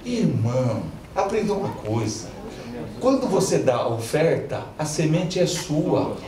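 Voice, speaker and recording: A man's voice: fairly high pitch, big pitch swings, a little slow. A male pastor, preaching a call-and-response sermon and mixing in jokes while he gets the congregation to repeat after him. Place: large church hall with congregation. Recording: echoey church hall, from far off, crowd audible.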